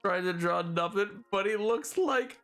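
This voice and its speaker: A man streaming a game, chatting casually in an excitable, rambling way and laughing often. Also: sits high, measured pace, soft background music. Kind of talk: casual gameplay commentary.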